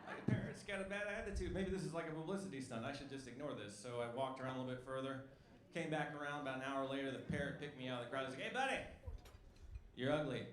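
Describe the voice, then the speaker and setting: A man's voice: mid-range voice, fairly even intonation, very fast. A male stand-up comedian doing a punchy, wry set, talking to the crowd from a club stage on a handheld mic. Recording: echoey club with loud crowd noise.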